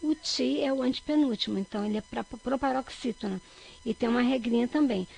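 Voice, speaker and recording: Gravelly-voiced Brazilian woman teaching children. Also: fairly high pitch, a little fast, low-quality recording. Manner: stretches key words loudly to stress syllables; checks in with frequent "tá bom?". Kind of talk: recorded grammar lesson for children.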